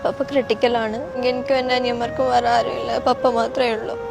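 Tearful young woman with a creaky voice. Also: a little high, level tone, quick pace. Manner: distressed, pleading. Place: outdoors in front of a hospital at night. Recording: music playing behind the voice.

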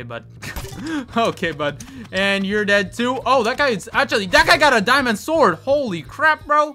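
Young guy hyped up narrating his game, bright edgy voice, laughing and razzing everyone. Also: sits high. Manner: excitable trash-talk, frequent laughing, says bro constantly. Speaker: gaming video creator. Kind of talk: live gameplay commentary.

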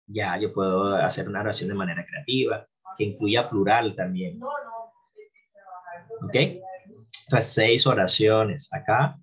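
A man, teaching an English lesson and slowly drilling phrases for his students. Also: on the low side, fairly bright tone, slightly rough. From Colombia. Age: 40s. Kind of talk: classroom video lesson.

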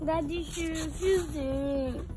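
A woman voicing a shy young girl who pleads softly, with music behind. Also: high-pitched, fairly even intonation, slow, far from the mic. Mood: sad.

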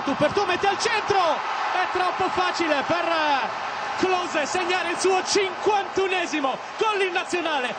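High-pitched shouting male football commentator. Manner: shouting, exclamatory. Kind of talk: excited live football commentary. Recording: loud stadium crowd noise. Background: roaring football stadium crowd.

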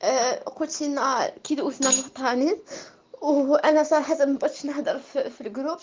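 A young Moroccan woman with a strikingly high voice leaves a personal voice message. She is crying and frustrated, venting with anger in broken phrases. Her Moroccan accent is plain as she speaks haltingly through tears. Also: a little mellow, a little hiss or hum. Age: teenager to young adult, final-year high school student. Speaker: student.

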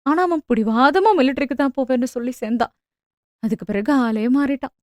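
A woman's voice: high-pitched, brisk, no echo, studio quality, lightly acted. A woman voicing an older loving mother who speaks heartfelt and emotional about her son. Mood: wistful.

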